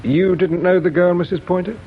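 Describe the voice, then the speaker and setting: An actor playing a patient provincial police inspector who questions people gently and measuredly in a radio drama. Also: male voice, high voice, fairly even intonation, slight background noise. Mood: probing. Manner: measured, gently probing, hesitates with "uh". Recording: dull lo-fi radio recording.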